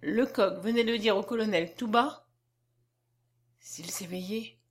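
A woman reads a classic novel aloud in a measured, expressive way. Her voice sits a little high for a woman and suits a slow, literary narration. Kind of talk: audiobook reading of a classic novel.

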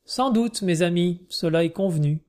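A man voicing Serge, earnest Russian gentleman. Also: high-pitched, normal speed, lightly acted. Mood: reserved. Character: Monsieur Serge, reserved Russian gentleman traveller.

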